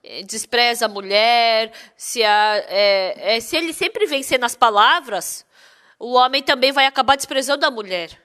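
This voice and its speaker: A woman interpreting a sermon in a lively way, full of rhetorical questions. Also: fairly high pitch, measured pace.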